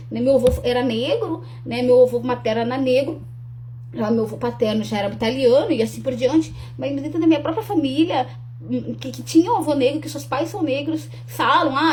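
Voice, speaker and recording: A young woman from Rio Grande do Sul, Brazil, promotes her talk in an earnest, casual to-camera video. Her voice sits high and a little mellow, her speech is full of restarts and tag questions, and a little hiss or hum can be heard.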